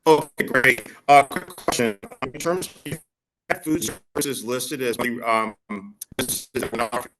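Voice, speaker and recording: A man's voice: mid-range voice, slow, noisy background. A man joins a video call to ask a question, but his connection keeps breaking up. His voice comes through choppy and distant. He keeps checking that he can be heard. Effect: choppy connection, audio breaking up. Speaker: webinar attendee asking a question.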